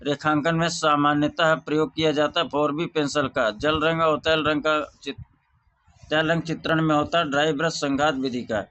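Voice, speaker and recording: A man's voice: a little high, steady tone, moderate pace, muffled recording. Man drilling exam answers aloud. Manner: reads question and answer pairs in a drilling recitation; softer, chatty sign-off to viewers. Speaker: exam coaching teacher. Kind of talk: rapid-fire exam revision lesson.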